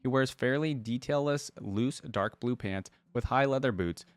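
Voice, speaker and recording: A man with a medium-pitched voice takes his time reading text aloud and reacting to it in a relaxed, informal way, calling viewers "guys" and "dude." There's no room sound.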